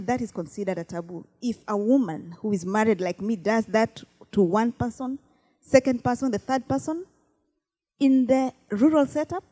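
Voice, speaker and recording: A woman's voice: on the high side, warm tone, breathy edge. A woman from Kenya speaking as a panel guest, explaining earnestly. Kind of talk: panel discussion.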